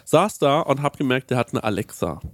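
A man's voice: mid-range voice, big pitch swings, a little fast, no echo, studio quality. A man telling a story in a casual podcast chat, acting out his own exclamations. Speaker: podcast host.

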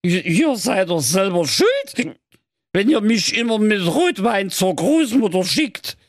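A drunk young programmer woman slurs her way through the phone in thick Saxon, as a man puts her on. The voice is lifted high and drags lazily. Close, dry comic audio-story sound. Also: sing-song, slow pace, no echo, full character voice. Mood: tipsy. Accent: Saxon German. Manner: slurring, sluggish.

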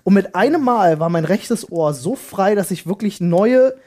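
A man co-hosting a casual podcast, telling an animated, slangy story. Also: high-pitched, normal speed. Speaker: podcast co-host. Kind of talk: casual chat.

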